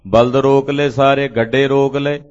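A man's voice: mid-range voice, steady tone, a little slow, a little mellow. A man preaching in a lilting storytelling way, explaining scripture verse by verse and often slipping into a chant. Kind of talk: Sikh scripture exposition. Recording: echoey hall, dull lo-fi sound.

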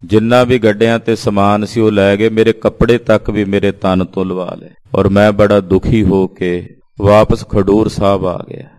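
A man preaching a reverent sermon, retelling a sacred story in a measured way and reciting verses. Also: lowish voice, level tone, darkish tone, clean tone. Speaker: Sikh preacher.

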